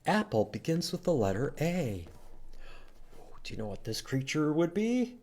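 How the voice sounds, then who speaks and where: His voice a little high and darkish, a library storytime host reads aloud to young listeners at a measured pace. He teaches letters in short, simple phrases, his pitch swinging broadly with sing-song emphasis.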